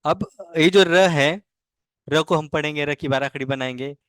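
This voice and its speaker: Slow, patient man teaching syllables. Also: a little high, a bit bright, smooth, no room sound, studio quality. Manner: slow, patient drilling with repeated questions. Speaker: language teacher. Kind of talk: online language lesson.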